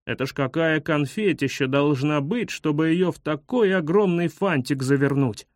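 A man's voice: fairly high pitch, moderate pace, no echo, studio quality, close to an everyday voice. A man doing a naive, earnest schoolboy. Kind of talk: storybook reading.

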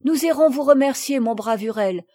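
A woman voicing an anxious young housemaid in a storybook reading, speaking in a hurried, urgent way. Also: sits high, expressive, dark tone, dry recording, studio quality.

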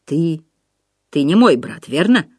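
A woman's voice: sits low, sing-song, slow, a little mellow, husky, no echo, studio quality, exaggerated voice. A woman voicing a timid, bewildered man. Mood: hesitant. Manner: hesitant, unsure. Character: confused, timid young man who lost his memory.

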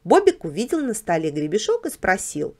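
A woman reading a children's story aloud. Her pitch moves widely and lively through the narration, at an average height for a woman. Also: fairly quick. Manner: lively, expressive telling.

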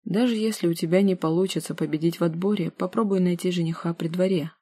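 A woman's voice: on the low side, steady tone, fast, mellow, breathy edge. A woman reading the lines of a meek, flustered father who pleads and placates in an audiobook. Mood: weary hopeful.

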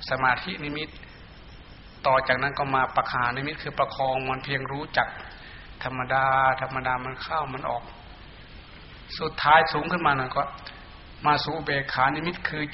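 Monk guy giving a meditation talk, kinda high voice, blunt and scolding, chants pali bits, muffled roomy recording. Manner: blunt, colloquial, scolding at times. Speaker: Buddhist monk teacher. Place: hall with monks and laypeople. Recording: muffled echoey hall recording, faint hiss.

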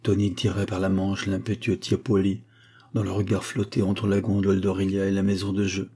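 A male audiobook narrator reading a period novel in a measured, steady way. His voice is low and mellow with a soft husky grain. The delivery is dark rather than bright. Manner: measured storytelling. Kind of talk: scripted narration.

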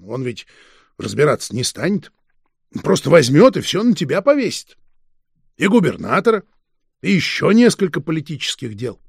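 Male narrator as a wily, mocking interrogator; husky, gravelly, lively delivery for a storybook. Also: a little high, no room sound, clean studio sound, exaggerated voice. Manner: slow, needling, teasing interrogation. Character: sly, mocking older police detective chief. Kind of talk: audiobook character reading.

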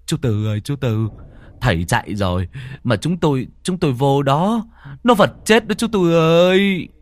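A man's voice: fairly high pitch, animated, normal speed, no room sound, pitched above the performer's own voice, natural voice. A man doing a frightened village neighbor. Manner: urgent, stammering.

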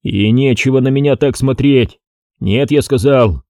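A man doing an impatient, gruff police chief. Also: mid-range voice, measured pace, a little mellow, no room sound, studio quality, lightly acted.

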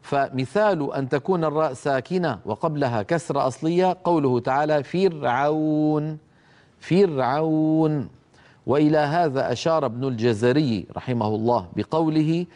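A middle-aged man teaching Quran recitation rules, explaining a didactic poem, asking his students questions and reciting example words slowly and drawn out. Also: medium pitch, darkish tone.

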